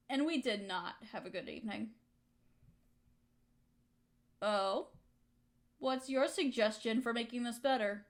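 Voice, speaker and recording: Here a woman voices a wounded young woman gradually warming back up to her best friend. Her pitch runs on the high side, and the intimate audio-drama performance comes out halting and full of emotion.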